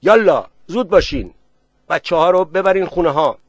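A man voicing a village headman who speaks briskly and gives orders. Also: on the high side, dry recording, pitched above the performer's own voice, natural voice. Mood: concerned.

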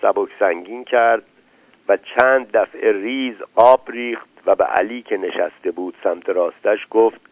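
A man's voice: on the low side, no echo. A man reading a story aloud as a scripted narration, giving the characters' lines with small shifts of his voice. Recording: tinny phone-like dry recording.

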